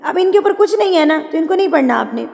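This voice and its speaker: Woman tajweed teacher, high gravelly voice, drawn out chanting then brisk explaining, patient, long reverb. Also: expressive, darkish tone. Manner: patient, repeats corrections for the learner. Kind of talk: online tajweed lesson, explaining between recited words.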